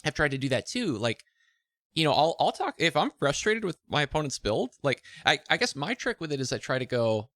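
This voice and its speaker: A man hosts an interview in a loose, conversational way, filling his thoughts with "like" and "right?". His pitch moves a lot and his tone is bright and forward. The recording is dry and close. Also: brisk, no echo. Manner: animated, thinks aloud with many "like" and "right?". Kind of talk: casual interview chat.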